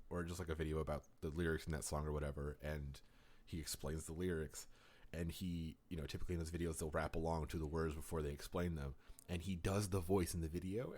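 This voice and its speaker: A man co-hosting a podcast, chatting casually and rambling through stories with lots of fillers. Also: low-pitched. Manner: rambling, animated storytelling with many fillers. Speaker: podcast co-host. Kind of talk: casual chat.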